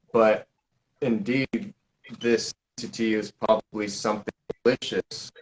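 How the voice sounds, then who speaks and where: A man hosting a live question-and-answer stream, talking loosely in a rambling, halting way with many fillers and restarts. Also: lowish voice, fairly bright tone, slight background noise, low-quality recording. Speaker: paranormal investigator hosting a live Q&A. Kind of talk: casual live-stream chat.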